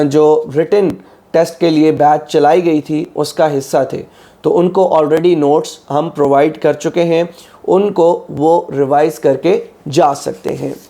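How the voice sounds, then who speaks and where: A Pakistani man with a slightly sore throat and a little high, dark-toned voice gives an instructional lecture as an exam prep tutor. He teaches methodically, often checking in with his students and repeating "ठीक है" frequently.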